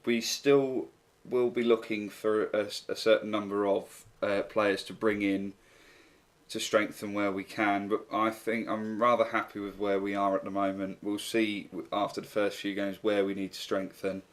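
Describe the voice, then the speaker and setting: A man narrating a football management video game, calmly going through his team's signings in a steady, matter-of-fact way. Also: fairly low pitch, moderate pace. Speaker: gaming YouTuber. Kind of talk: game commentary walkthrough.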